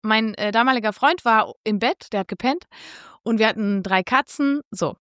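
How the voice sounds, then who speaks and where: Woman, casual storyteller, bright high-ish voice, dry close mic, swears freely, acts out her own quotes. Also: normal speed, no room sound. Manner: lively, casual, swears, quotes herself with raised voice. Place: Switzerland.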